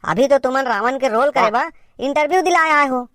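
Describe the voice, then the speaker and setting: A woman's voice: high voice, normal speed, fairly bright tone, dry recording, clean studio sound. A woman with a Chhattisgarhi accent performing a comedy sketch as a bossy teacher who scolds and directs her pupils.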